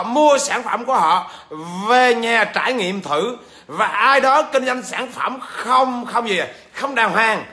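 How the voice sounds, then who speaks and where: High, bright-voiced man who stammers. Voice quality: stammers at times. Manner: keeps checking in with viewers through questions. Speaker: business trainer. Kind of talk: livestreamed lecture to viewers.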